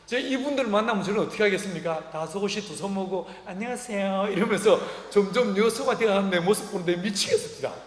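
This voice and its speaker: A middle-aged male pastor delivers a sermon in a reverberant church hall, his voice sitting high for a man. He tells stories with a light, humorous touch. He slips into the voices of the people in them. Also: fast, few pauses. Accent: Korean. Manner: humorous, acts out quoted dialogue. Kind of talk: sermon with storytelling. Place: church sanctuary.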